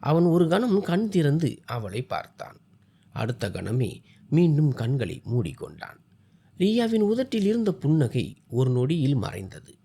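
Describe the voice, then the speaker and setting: Husky man reading a family story. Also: fairly high pitch, a little slow. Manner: expressive dramatic reading. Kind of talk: scripted story narration.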